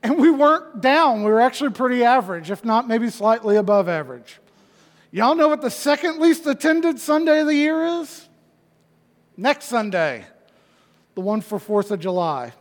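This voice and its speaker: A man preaching a sermon as pastor, swinging from loud emphatic declarations to hushed, quiet lows. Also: lively intonation, moderate pace, long reverb tail. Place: church sanctuary.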